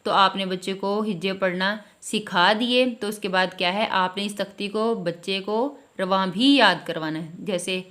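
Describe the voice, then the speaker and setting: A woman teaching a Quran reading lesson from a primer, sounding out letters slowly and syllable by syllable, then explaining patiently and often checking that the listener is following. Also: medium pitch, a bit bright. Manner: repeats a reassuring "theek hai" to check understanding.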